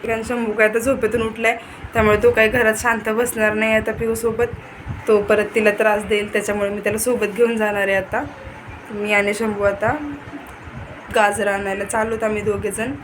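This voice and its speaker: A young woman vlogger chats casually to the camera at home while caring for her children, in a medium-pitched, brisk voice with little pitch movement. The home recording is noisy.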